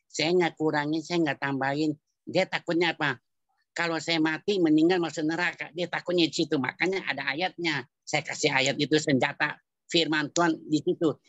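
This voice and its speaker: A man giving a church testimony, telling his story in colloquial, animated style and repeating phrases for emphasis. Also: a little high, dry recording, highs cut off. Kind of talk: testimony at a prayer meeting.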